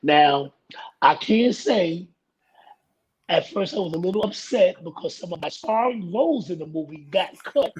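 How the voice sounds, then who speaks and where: Raspy-voiced man, laid-back storyteller. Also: sits high, expressive, unhurried, low-quality recording. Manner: laid-back, rambling storyteller who laughs often. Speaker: guest actor. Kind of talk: casual interview chat.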